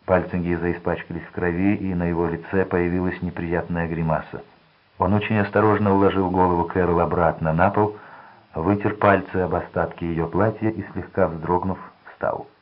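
A man reading a crime novel aloud in a steady, measured narration. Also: sits low, dull audio. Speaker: audiobook narrator.

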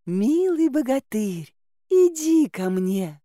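A woman's voice: sits high, sing-song, slow pace, mellow, no room sound, studio quality, pitched above the performer's own voice, heavily acted. A woman putting on a sweet-voiced luring swamp maiden. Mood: coaxing. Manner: sweet, coaxing, sing-song. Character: seductive female swamp spirit luring heroes.

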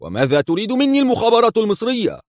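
A man voicing a furious, shouting European villain in an audiobook reading, high-strung and yelling. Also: huge pitch swings, rapid-fire, dry recording, studio quality, exaggerated voice. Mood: alarmed.

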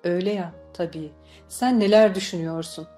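Woman reading bitter old grandfather, gruff, stern, audiobook, low mellow tone, faint music behind. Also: fairly even intonation, a little fast, lightly acted.

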